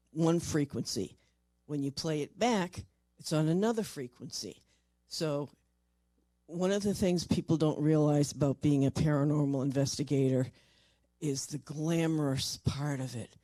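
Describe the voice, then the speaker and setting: Paranormal investigator with a mellow voice and dry sound, a lively storyteller who plays the people in the story. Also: mid-range voice, measured pace, dry recording. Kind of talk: storytelling talk at a convention. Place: convention stage or panel room.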